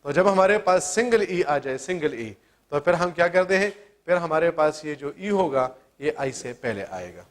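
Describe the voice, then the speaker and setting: A man with a notably high voice gives a classroom grammar lesson. He keeps asking questions and answering them himself. He spells words out letter by letter as he walks through each rule. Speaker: English teacher.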